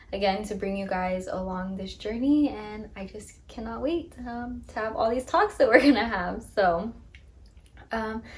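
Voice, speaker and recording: A woman's voice: medium pitch, slight background noise. A woman in her twenties chatting casually about herself, upbeat and full of ums, recorded on a phone. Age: 20s. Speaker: podcast host. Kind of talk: casual get-to-know-me chat. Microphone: phone camera.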